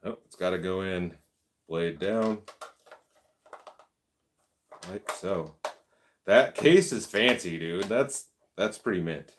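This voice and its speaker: A man's voice: low-pitched, unhurried, a little hiss or hum. A man hosting a casual live stream, reading viewer comments and chatting in a laid-back way, laughing often. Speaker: livestream host.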